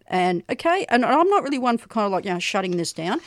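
An Australian woman hosting a radio show, chatting casually with quick self-deprecating asides. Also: mid-range voice, very animated, dry recording, clean studio sound. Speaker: radio host.

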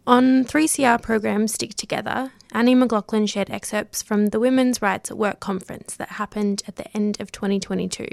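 Woman radio presenter, relaxed announcing, gravelly voice, dry close sound. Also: medium pitch, moderate pace, few pauses, no echo.

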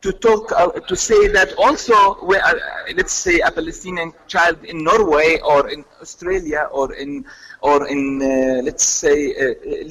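Hesitant high-voiced man from Jordan. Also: fairly bright tone, poor audio. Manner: hesitant, many fillers and restarts. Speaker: guest. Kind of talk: radio interview.

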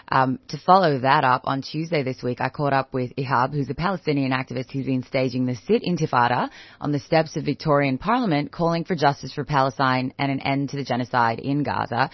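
A man with an Australian accent hosting a community radio breakfast show, his voice hoarse and croaky from yelling, chatting casually with fillers. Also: medium pitch, dry recording, lo-fi sound.

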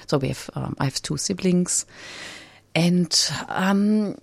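A woman's voice: lowish voice, slow, vocal fry, breathy edge, no echo. A woman from Germany, a radio studio guest, telling her personal story hesitantly with many fillers and restarts. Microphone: studio microphone.

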